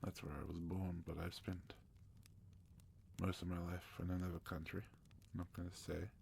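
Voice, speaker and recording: Man from South Africa, soft-spoken ASMR host, gravelly low voice, faint hiss behind. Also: monotone, normal speed. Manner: soft-spoken, gentle, partly whispered.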